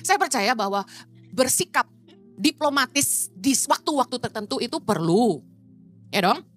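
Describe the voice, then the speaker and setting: A woman's voice: on the high side, expressive, normal speed, faint music behind. A middle-aged woman pastor, preaching in a blunt, emphatic way and dropping English phrases into her sermon.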